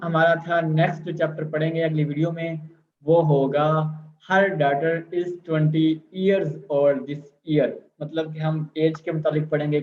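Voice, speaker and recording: A man teaching a video language lesson, explaining step by step and drawing out example words slowly. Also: a little high. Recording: echoey lo-fi room recording.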